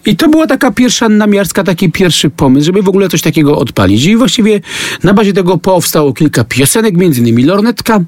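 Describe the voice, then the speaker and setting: A man with a Polish highlander accent speaks as a guest in a casual interview. He tells stories in an easygoing way, with pauses and restarts. His voice sits a bit high and sounds dry and close. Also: big pitch swings, darkish tone, no room sound. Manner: easygoing storyteller with hesitations. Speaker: guest musician.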